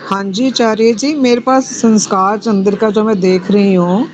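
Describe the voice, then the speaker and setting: A woman's voice: mid-range voice, fairly even intonation, normal speed, darkish tone, slight background noise, low-quality recording. A woman with a Hindi accent, a student politely asking her teacher a question in an online class.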